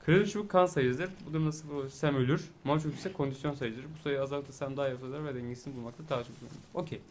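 A man giving casual let's play commentary, chatty, talking to the game and breaking into excited exclamations. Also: mid-range voice, racing, a little hiss or hum. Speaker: gaming YouTuber. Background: soft game music.

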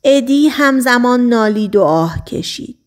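A woman's voice: fairly high pitch, animated. Woman reading a novel aloud. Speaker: audiobook narrator. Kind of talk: scripted narration.

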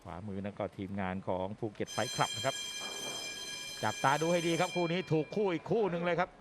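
Slightly high-voiced male fight commentator. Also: big pitch swings, fast talker, noisy background. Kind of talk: live Muay Thai commentary. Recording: music playing behind commentary. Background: clear music.

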